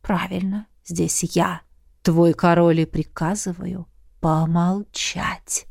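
A woman doing a low, teasing king. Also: level tone, slow, vocal fry, no echo, clean studio sound, full character voice. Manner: low, hushed and teasing, then barking orders. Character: commanding middle-aged male king, teasing and bossy.

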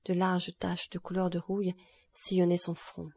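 A woman narrating a classic novel in an audiobook, measured and even. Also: on the low side. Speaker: audiobook reader.

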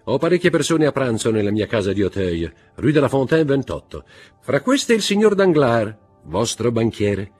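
A man's voice: medium pitch, very animated, moderate pace, darkish tone, breathy edge, soft background music, voice pushed up. A man voicing a suave, worldly count, polished and courteous.

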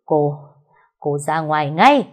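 A woman's voice: low voice, expressive, slow, full character voice. A woman voicing a grieving young son who wails and then turns harsh and violent in an audio story. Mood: furious. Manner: wailing, then harsh and shouting.

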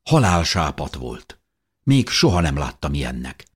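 Very deep, husky male audiobook narrator. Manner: tense, expressive storytelling. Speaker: audiobook reader. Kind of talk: first-person audiobook narration.

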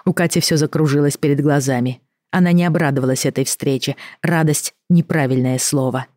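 A woman with a low, deep voice narrates a storybook in a measured, expressive way. The recording is dry and close, with no room sound. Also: dry recording. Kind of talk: audiobook narration.

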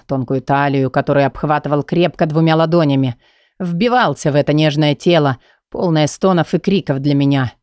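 A man narrating a dark romance audiobook in the first person, in a brooding, intense and intimate way. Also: a little high, no echo, clean studio sound. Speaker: audiobook reader.

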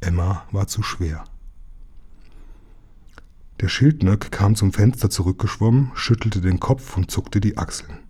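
A man reading a children's book aloud, telling it calmly and evenly. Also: fairly low pitch, a little slow, long pauses, breathy edge. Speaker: narrator.

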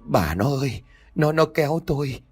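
A man's voice: a little high, slow, husky, dry recording, soft background music, voice pushed up. A man voicing a terrified old man who stammers and pleads. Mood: terrified pleading.

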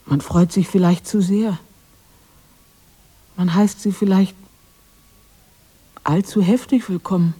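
Playing a lonely witch of the woods whom no one understands, an actress in a radio drama justifies herself in a wistful, plaintive way. She speaks at medium pitch in a steady, dark tone with a breathy edge, slowly and with frequent pauses.

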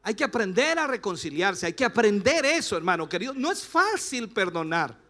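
Male Chilean pastor, sermon delivery, high and bright, rousing with joking asides. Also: big pitch swings, normal speed. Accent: Chilean Spanish. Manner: rousing, rhetorical questions, playful asides. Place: church service.

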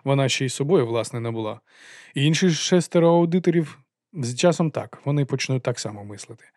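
Male audiobook narrator, calm even reading, mid pitch, dry close sound. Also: brisk, dry recording.

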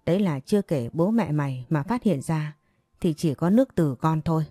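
Woman reading as a blunt young village woman, scolding and pushy, low dark voice, quick talk. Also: animated, slightly rough, no echo, soft background music. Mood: urging.

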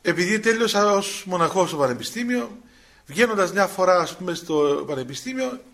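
An older Cypriot priest with a high voice talks in a homely, storytelling way. His Cypriot Greek accent colours every phrase, and he slips into colloquial asides with small chuckles. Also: fairly bright tone. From Cyprus. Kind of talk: spiritual talk with personal story.

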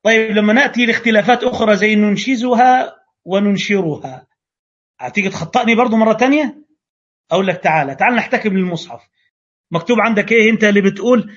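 High, husky, fast-talking Egyptian man teaching. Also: a bit bright. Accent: Egyptian Arabic. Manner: argues through imagined dialogue and rhetorical questions. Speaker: Quran recitation teacher. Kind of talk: online lecture. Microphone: video call microphone. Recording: dull lo-fi online audio.

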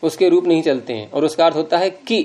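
A man's voice: fairly high pitch, fast talker, darkish tone. A man with a Hindi accent teaching Sanskrit grammar to a class, patiently explaining and repeating word forms aloud.

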